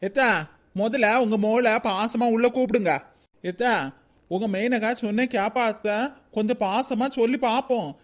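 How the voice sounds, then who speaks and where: A woman voicing a sensible young daughter-in-law with a Kanyakumari Tamil accent, calm and persuasive, in a cartoon. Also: fairly high pitch, moderate pace, natural voice.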